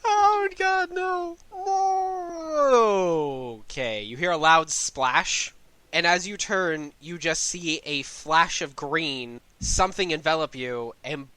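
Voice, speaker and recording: Male game master, casual and self-correcting, higher voice with a bright edge. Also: a little slow, clean tone. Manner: casual, laughs often, corrects himself mid-sentence. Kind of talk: narrating a tabletop game.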